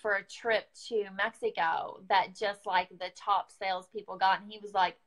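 A woman's voice: medium pitch, fairly even intonation, normal speed, a bit bright. A woman, a beauty guide with an Oklahoman accent, telling a story in a chatty, casual live chat, full of fillers and quoted asides.

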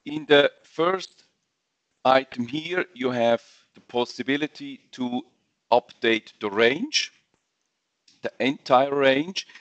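Slow, halting man giving a webinar. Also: medium pitch, a bit bright, no room sound, dull audio. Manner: halting non-native English with fillers and restarts. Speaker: software trainer. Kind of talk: webinar screen-share walkthrough.

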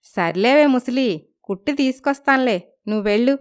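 A woman's voice: on the high side, animated, normal speed, clean tone, pitched above the performer's own voice, natural voice. A woman voicing a cheeky, feisty young woman in a storybook, talking back with sass. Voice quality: cheeky, sassy. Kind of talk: storybook narration.

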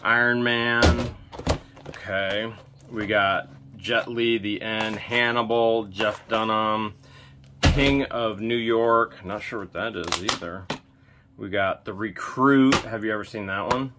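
A man's voice: on the low side, fairly even intonation, takes it slowly. A man in his thirties, hosting and joking as he digs through boxes at a storage unit, recorded outdoors on a body-worn camera. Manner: chatty, joking while digging through boxes. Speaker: storage unit buyer and host. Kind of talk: casual unboxing commentary. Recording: noisy outdoor recording with handling clicks.

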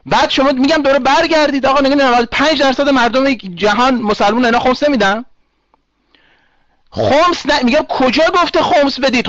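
A man's voice: very high-pitched, fairly bright tone, no room sound, lo-fi sound. A man hosting an online voice chat room, arguing hotly with callers and repeating his points. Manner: argumentative, repeats himself, interrupts callers. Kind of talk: heated online talk room moderation.

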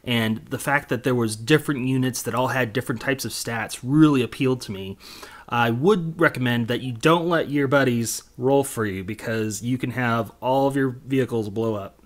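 A man co-hosting a board game preview, explaining the rules in a steady, plain way. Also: medium pitch, moderate pace. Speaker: game reviewer co-host.

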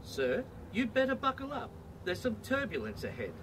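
A man's voice: extremely high pitch, very animated, measured pace, background noise, pitched above the performer's own voice, exaggerated voice. A man putting on a prim, courteous air hostess. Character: polite female airline hostess.

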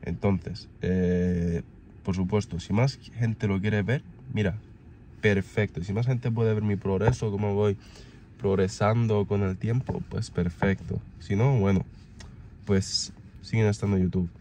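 A man's voice: on the low side, fairly even intonation, a little slow, warm tone, slight background noise. Congested young man with a cold. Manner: rambling, many fillers and restarts. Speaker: vlogger. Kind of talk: casual vlog talk.

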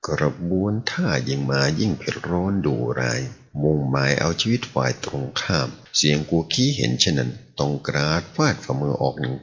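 A man narrates a serialized martial-arts novel in an extremely deep, gravelly voice. His pitch moves in a lively way through the story. The recording is dull and lo-fi. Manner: animated storytelling. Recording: dull lo-fi audio.

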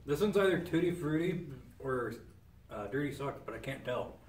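A man's voice: mid-range voice, lively intonation, moderate pace, recorded from a distance, slight background noise. A man bantering casually with friends while eating gross jelly beans, picked up by a camera some way off. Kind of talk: casual group banter during a jelly bean taste challenge. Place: indoor shop room, seated in a group. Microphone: camera a few meters away. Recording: roomy, off-mic camera sound.

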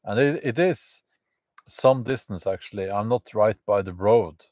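Slow, halting man live from the woods. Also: lowish voice, darkish tone, no room sound. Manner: halting, many fillers and restarts. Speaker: channel host. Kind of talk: live stream chat to viewers. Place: outdoors in the woods at a campfire.

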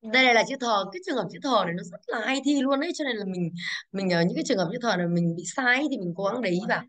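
Brisk woman teaching an exam class. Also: a little high, expressive, a bit bright. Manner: brisk, stresses English words, asks class to confirm. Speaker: English teacher.

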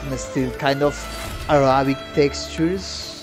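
In a small home music room, a musician in his thirties offers casual reaction commentary over game trailer music. He speaks slowly in a mid-range voice with a steady tone.

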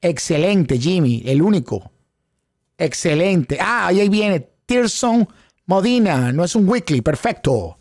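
A man's voice: high voice, expressive, unhurried, darkish tone, dry recording, clean studio sound. A middle-aged man teaching a live online class in Spanish mixed with English terms, quizzing viewers and repeating phrases for emphasis. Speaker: instructor in options trading. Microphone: close studio microphone on a desk setup.

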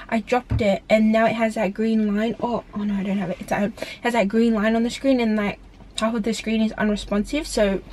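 A woman's voice: fairly high pitch, dark tone, a little hiss or hum, low-quality recording. A woman, chatting casually into a handheld camera in a rambling vlog style. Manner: chatty, rambling, filler-heavy. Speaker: vlogger. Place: car, gym and home. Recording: music playing behind.

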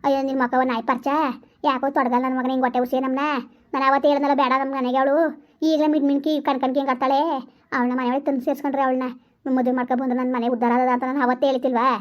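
Brief: woman doing a high, fast-scolding village mother in a comedy skit. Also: level tone, lightly acted. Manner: loud lamenting and scolding. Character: wailing, cursing village mother, middle-aged woman. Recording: dull lo-fi recording.

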